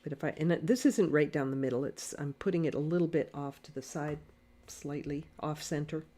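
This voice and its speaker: A woman teaching watercolor painting in a live lesson, speaking quietly and thinking aloud as she paints, on a desk mic. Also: sits low, brisk. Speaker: watercolor art instructor. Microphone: desk mic near camera.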